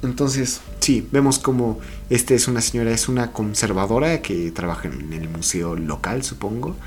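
A man's voice: fairly low pitch, lively intonation, moderate pace, a little mellow, faint music behind. A man casually retelling a film, chatty and full of fillers and repeats. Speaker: film recap narrator.

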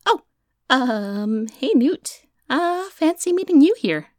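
A woman's voice: mid-range voice, normal speed, no room sound, studio quality, natural voice. An actress playing an awkward, earnest young woman with magic, rambling and hesitant as she records herself in an audio drama. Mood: flustered. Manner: rambling, hesitant, stammering when flustered.

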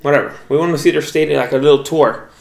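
Young man with a gravelly, raised voice. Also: fairly high pitch, fast talker, darkish tone. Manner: loose, profane storytelling with quoted voices. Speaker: podcast co-host. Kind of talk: casual podcast chat. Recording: echoey room.

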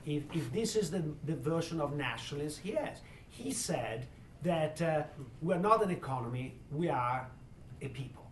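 A man with a thick foreign accent and a slightly high voice answers in a halting way, searching for his words. He sounds like a professor in a live discussion, picked up from a distance in an echoey room. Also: animated. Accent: strong foreign accent. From immigrant, from abroad. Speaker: university professor, event host. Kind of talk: panel discussion, answering audience questions. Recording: echoey room, distant mic, faint noise.

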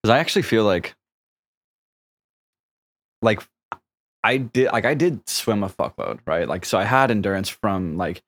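A man's voice: fairly low pitch, expressive, measured pace, pauses often, fairly bright tone. A young man co-hosting a podcast in casual chat, rambling with lots of fillers and swearing. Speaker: podcast co-host.

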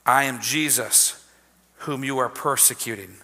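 A man preaching voices Jesus speaking from heaven in a lowered, quiet, solemn tone. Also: a little slow, full character voice. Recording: long hall reverb.

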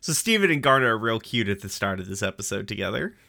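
A man's voice: lowish voice, big pitch swings, fast talker, creaky, sharp tone, dry recording, studio quality. A young man casually recapping a cartoon episode, rambling and swearing, with many fillers. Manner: profane, rambling, with lots of fillers.

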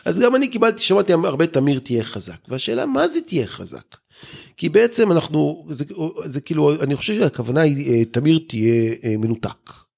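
A man's voice: a little high, sing-song, vocal fry, a little mellow, husky. A man, a group therapist and guest, explaining things thoughtfully in conversation and often restarting his sentences.

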